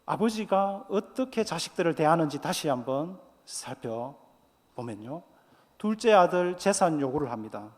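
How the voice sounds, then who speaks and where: A man's voice: a little high, animated, measured pace, big-room sound. A man preaching a sermon as pastor, earnest and fond of rhetorical questions.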